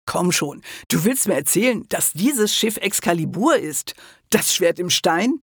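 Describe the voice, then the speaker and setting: A man's voice: high voice, expressive, unhurried, fairly bright tone, slightly rough, no echo, studio quality, full character voice. A man voicing a young man on the run who sounds scared, sarcastic and disbelieving, in an audiobook.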